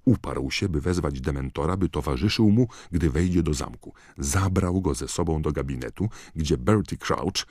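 A cold male potions master speaking in a restrained, husky and very low voice, as a male audiobook reader puts him on. The recording is dry and close. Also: expressive, normal speed, hardly any pauses, a little mellow, dry recording.

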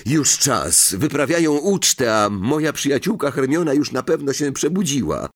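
A man's voice: medium pitch, very animated, moderate pace, pitched above the performer's own voice. A man voicing a polite, earnest schoolboy.

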